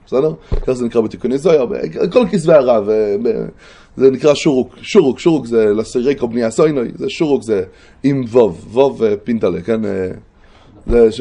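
A man teaching a religious text lesson. He explains step by step, pauses to recall terms, and checks in with his listeners. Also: medium pitch, mellow.

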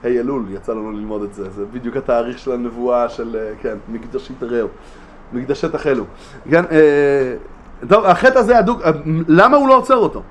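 A man giving a religious study lesson, animated, with emphatic rhetorical questions and frequent restarts. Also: mid-range voice, a little hiss or hum. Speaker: Torah teacher.

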